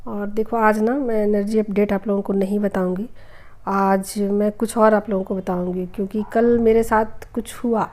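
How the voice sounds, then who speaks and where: A middle-aged woman hosting a spiritual healing channel, telling viewers a personal story in a chatty way, repeating herself and filling pauses with hesitations. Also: on the high side, a little mellow. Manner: chatty, repeats phrases, many hesitation fillers.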